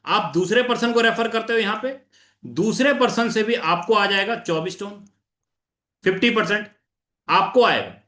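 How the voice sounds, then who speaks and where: A man's voice: high voice, moderate pace, pushed and bright, echoey room. A man presenting an income plan over a screen share, repeating himself and answering his own questions while calling listeners sir.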